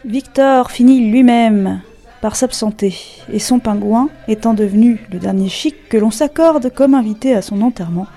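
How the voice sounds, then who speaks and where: A woman presenting a scripted radio book column in a measured, wry manner. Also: a little high, warm tone.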